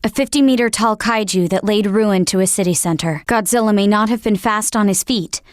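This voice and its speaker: In scripted video game voice acting, a woman plays an earnest, dutiful military operator formally briefing her commander. Her mid-range voice runs a little fast, grave and explanatory, lightly acted. The recording is studio quality with no room sound.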